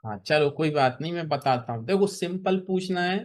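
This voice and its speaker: A man tutoring beginners in spoken English over a video call, patient and encouraging, repeating example phrases slowly. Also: fairly high pitch, lively intonation. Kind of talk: online spoken English lesson.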